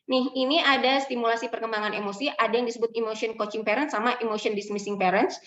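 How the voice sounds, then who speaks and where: A woman's voice: a little high, fairly even intonation, fast talker, a bit bright. A woman psychologist gives a parenting seminar talk, explaining step by step and acting out quotes from parents and children. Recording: echoey, distant, muffled room mic.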